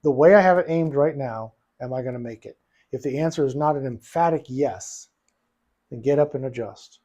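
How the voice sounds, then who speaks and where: Warm and mid-range, the voice of this billiards coach moves at a moderate pace over lo-fi sound. He's working one-on-one with a student at the pool table, explaining patiently and repeating himself.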